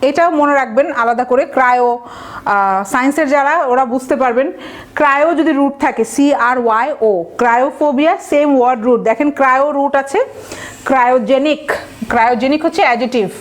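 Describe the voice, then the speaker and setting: A woman with a Bangladeshi accent gives an exam-prep vocabulary lesson in a high voice. She explains word roots step by step and keeps checking that her listeners follow. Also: a little fast. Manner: explains patiently with frequent checking questions. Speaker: vocabulary teacher.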